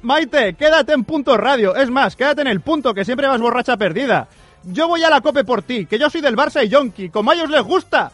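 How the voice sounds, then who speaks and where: A man presenting his own segment on a comedy radio show, deadpan and mock-complaining. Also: extremely high pitch, brisk, no room sound, faint music behind.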